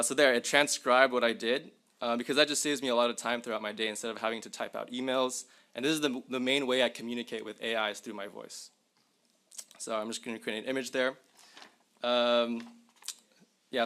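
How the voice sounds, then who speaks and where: In a university lecture hall, a young man with a mid-range, bright voice and forceful tone presents at a symposium. Working as a tech presenter, he demonstrates tools live and chats casually, speaking directly to the audience.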